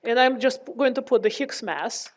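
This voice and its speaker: Perempuan dosen, suara agak tinggi teredam masker. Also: female voice, a little high, moderate pace. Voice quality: muffled, speaking through a face mask. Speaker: physics lecturer. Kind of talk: lecture with questions to the class. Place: lecture room.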